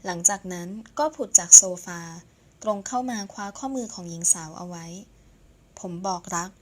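A woman narrating a romance audio novel in a soft, measured way. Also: medium pitch. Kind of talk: scripted narration.

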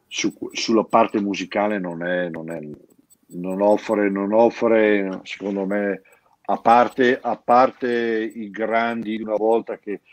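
Middle-aged Brescian-accented man, very low voice, rambling guest, dry close sound. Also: steady tone, slow, no echo. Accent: Brescian Italian. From Brescia area, northern Italy. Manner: rambling, many restarts and repeated words. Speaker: guest, founder of an artists' collective. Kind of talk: casual interview chat.

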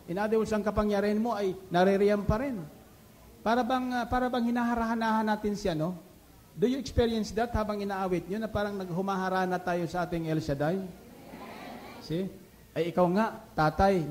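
A man preaching a radio sermon in an animated, rhetorical way, mixing English phrases into his talk and often asking his listeners if they agree. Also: high voice. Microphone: studio microphone.

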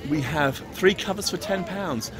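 An Englishman's high-pitched voice moves at a measured pace as he vlogs through a busy outdoor Christmas market, chuckling and joking with stallholders. He films on a handheld gimbal camera, and crowd chatter surrounds him.

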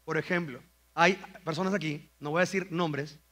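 A man with a Mexican accent preaching a sermon, joking with the congregation and acting out comic prayers in slow, exaggerated voices. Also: fairly high pitch, steady tone, a bit bright. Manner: playful, jokes with the congregation. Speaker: pastor. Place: church auditorium.

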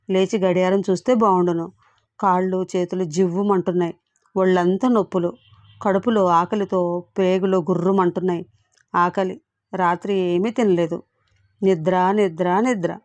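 A woman's voice: on the low side, normal speed, no echo. Woman reading a novel with drama. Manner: expressive, voicing the hero's anxious inner thoughts. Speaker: audiobook narrator.

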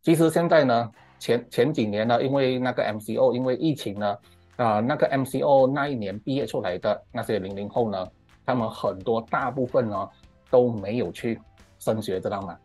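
A man's voice: mid-range voice, normal speed, darkish tone, faint music behind. A middle-aged man with a Malaysian Mandarin accent gives an emphatic, ranting commentary on current affairs, stretching out "ah" particles and mixing in English words. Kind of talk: opinionated monologue commentary.

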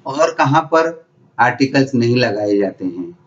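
A man teaching English grammar, reading each rule slowly and then explaining it in Hindi. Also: mid-range voice, animated, distant mic. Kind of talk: slow, deliberate grammar lesson. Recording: echoey room, dull lo-fi sound.

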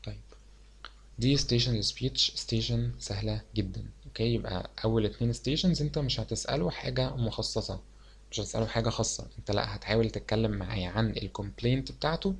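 A fairly low-voiced young man with an Egyptian Arabic accent walks students through exam revision. He explains at an easy, conversational pace and drops English medical terms into his Arabic. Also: quick pace, creaky, husky. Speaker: medical lecturer.

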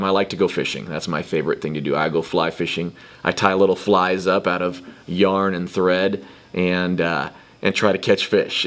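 Easygoing low-voiced male teacher. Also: fairly bright tone. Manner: easygoing, casual with fillers. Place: classroom, indoors. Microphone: handheld mic held by interviewer.

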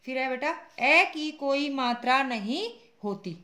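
Woman teacher going over hindi grammar, voice a bit high, asks then answers herself, keeps saying beta. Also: animated, measured pace, sharp tone. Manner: asks students questions and answers them herself; calls students "beta", patient and repetitive. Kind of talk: online class lecture. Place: school classroom.

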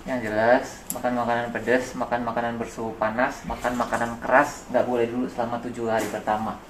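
A man's voice: medium pitch, little pitch movement, fast talker, recorded from a distance. A man speaking through a face mask, a body piercer giving matter-of-fact aftercare advice during a live-streamed piercing session. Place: indoor piercing studio. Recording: echoey room with background noise.

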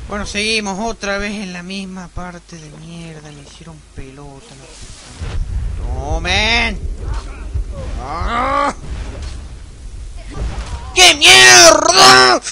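A young man with an Argentine accent narrating his gameplay in a casual, profane stream of talk, his voice set a bit high for a man. He yelps and shouts at the game as he plays, with game music clearly running behind him. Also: low-quality recording. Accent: Argentine Spanish. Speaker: let's play gamer.

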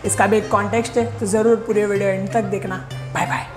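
A man's voice: sits high, flat delivery, quick pace, over loud music. A young man vlogging casually from a public cafe, rambling, joking and correcting himself as he goes, talking into a handheld camera. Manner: rambling, jokey, self-correcting. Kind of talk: casual vlog talk.

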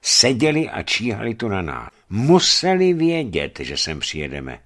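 A man voicing a shrewd male taiga hunter who speaks in a measured way. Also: on the low side, wildly swooping pitch, fairly bright tone, heavily acted.

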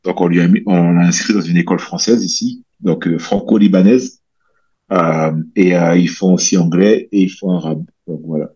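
On a video call from a small room at home, a man in his thirties from French Guiana, a bodybuilder and coach, speaks as a guest through a headset. His low, slightly husky voice moves at a moderate pace as he rambles easily, full of fillers and restarts, in a casual interview chat. The call audio is a little dull.

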